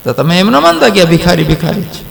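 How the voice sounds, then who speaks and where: A man's voice: high voice, very animated, quick pace, creaky, a bit bright. A man giving a sermon, telling a story and acting out its characters. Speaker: Bhagavat katha preacher. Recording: long hall reverb.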